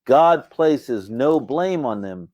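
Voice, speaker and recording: A man's voice: mid-range voice, animated, slow, a little mellow, dry recording. A man reading and explaining scripture verses, asking rhetorical questions and answering them himself. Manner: explanatory, asks and answers his own questions. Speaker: Quran commentary teacher.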